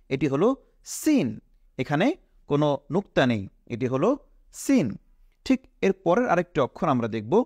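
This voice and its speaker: Lively teacher man quizzing viewers. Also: on the high side, no room sound, studio quality. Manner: patient, quizzing the viewers, stressing each letter name. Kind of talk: Quran alphabet lesson.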